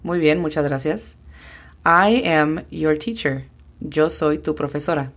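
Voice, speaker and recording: Low-voiced woman teaching English slowly. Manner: slow, careful explaining, spelling words out phonetically. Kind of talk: scripted podcast lesson.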